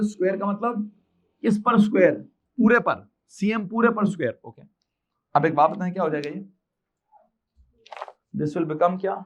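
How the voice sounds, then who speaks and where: A man's voice: sits high, highs cut off. A male physics teacher with a Pakistani Urdu accent, lecturing a class and quizzing the students with repeated questions.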